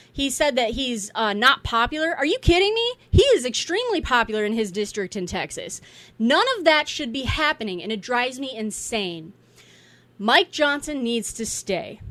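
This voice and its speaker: A woman's voice: fairly high pitch, fairly bright tone, no room sound. A woman giving a blunt, profane, exasperated political rant in a casual, unscripted way. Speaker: political commentator.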